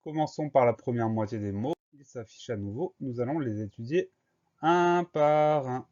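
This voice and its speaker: A man's voice: mid-range voice, animated, a little fast, warm tone. A man teaching a dictation lesson, patiently spelling out each word letter by letter. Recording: muffled, lo-fi recording.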